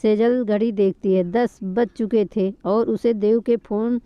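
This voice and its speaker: A woman calmly narrating a scripted family drama story. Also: mid-range voice, unhurried, clean tone, no room sound. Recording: dull lo-fi recording.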